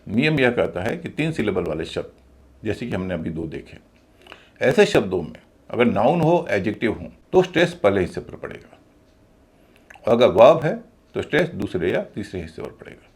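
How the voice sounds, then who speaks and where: A man's voice: lowish voice, very animated, moderate pace. A man teaching English pronunciation, patiently explaining step by step, spelling words out letter by letter and repeating key words. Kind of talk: explanatory video lesson.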